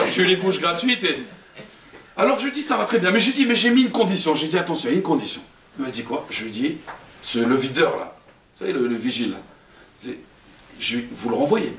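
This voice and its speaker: A man's voice: high voice, fairly bright tone. A man giving a humorous talk as a rabbi, acting out dialogue and laughing often. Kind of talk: humorous storytelling lecture. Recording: echoey room, voice from a distance.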